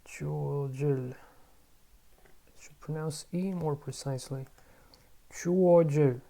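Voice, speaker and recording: In a casual pronunciation practice vlog, a language learner repeats words again and again, correcting and muttering to themself with sudden bursts of excitement. The voice sits in the mid range, gravelly, at a moderate pace.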